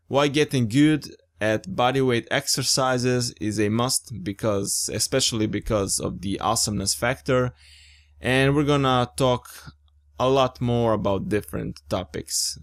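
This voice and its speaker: A young man hosting a fitness podcast, talking in an upbeat, enthusiastic and informal way. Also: mid-range voice. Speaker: podcast host. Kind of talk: casual podcast chat.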